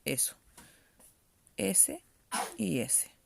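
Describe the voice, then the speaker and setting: A woman's voice: lowish voice, lively intonation, drawn-out words, gravelly, slight background noise. A woman teacher giving a reading-comprehension lesson, explaining patiently and often checking that pupils follow.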